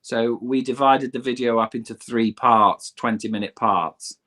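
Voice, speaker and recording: A man's voice: medium pitch, fairly even intonation, unhurried, a bit bright. Easygoing male podcast guest. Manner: easygoing, laughs often, self-deprecating. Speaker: guest, van camping vlogger. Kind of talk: casual podcast interview.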